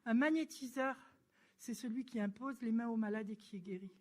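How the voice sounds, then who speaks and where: A woman giving a church testimony, telling her story in a lively, chatty way and acting out the dialogue. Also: a little high, fairly quick. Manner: lively storyteller who acts out dialogue and laughs; chatty and informal, with frequent fillers.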